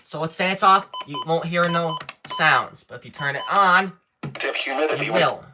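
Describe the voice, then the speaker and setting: In an unhurried voice on the high side, a man rambles through a casual, folksy hands-on tutorial. The handheld camera recording picks up clear background noise and handling clicks.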